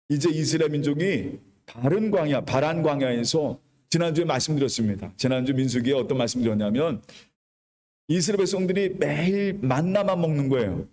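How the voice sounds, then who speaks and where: A male pastor delivers a sermon in a somewhat high voice. He tells the story in a chatty, everyday way and has the congregation repeat his words. The sound carries a long church-hall reverb. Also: darkish tone. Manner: preaching with call-and-response to the congregation; retells the story in colloquial storytelling tone. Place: church sanctuary.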